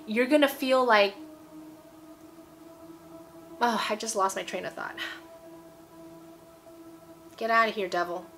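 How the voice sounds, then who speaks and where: Forceful and bright, with a slightly high pitch, a woman in her forties preaches a casual, emphatic sermon to camera in a room at home. She repeats phrases and checks in with "okay?".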